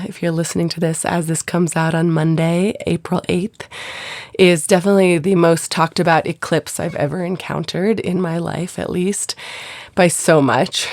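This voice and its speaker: A woman's voice: lowish voice, dry recording. A woman podcast host who is sick and sounds nasal, chatting casually and speaking directly to her listeners. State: sick, congested.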